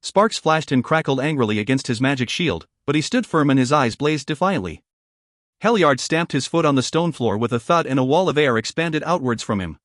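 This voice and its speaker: A man reading a fantasy audiobook aloud as narrator, telling the story in a steady, measured way. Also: mid-range voice, no room sound, clean studio sound.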